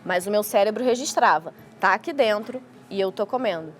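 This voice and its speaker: An animated, brisk woman with a mid-range voice appears as a guest on a talk show, explaining things as a child feeding specialist. She's from Rio de Janeiro, Brazil, and speaks Brazilian Portuguese with a Carioca accent.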